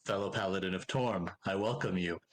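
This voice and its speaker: A man voicing a stout, red-bearded dwarf paladin who greets travelers in a formal, booming way. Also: a little fast, slight background noise, natural voice. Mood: solemn.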